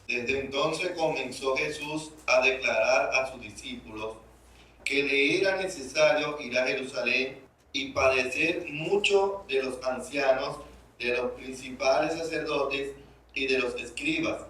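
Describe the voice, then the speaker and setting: A man reading a Bible passage aloud at a steady pace during a church service. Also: mid-range voice, unhurried. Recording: echoey room, voice far from the mic.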